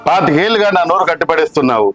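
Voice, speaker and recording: A man's voice: a little high, animated, racing, soft background music. A man playing a stern lecturing uncle. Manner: sharp, lecturing. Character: middle-aged uncle, stern, long-silent, reproachful. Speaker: maternal uncle.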